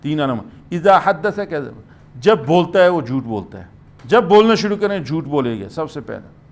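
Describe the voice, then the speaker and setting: A man's voice: on the high side, very animated. A man, a mufti, giving a lecture-style commentary on scripture to a gathering, emphatic and often checking in with his listeners. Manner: emphatic, asks "hm?" and "theek hai" to the listeners.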